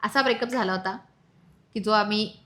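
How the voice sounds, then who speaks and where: A young woman from Maharashtra, a vlogger, telling her love story in animated casual chat and teasing her husband. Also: medium pitch, moderate pace. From Maharashtra, India.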